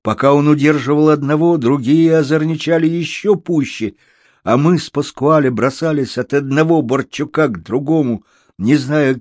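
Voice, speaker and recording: A man narrating a story aloud, lively and slipping into voices for the characters. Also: medium pitch, no echo, studio quality. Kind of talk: storybook reading.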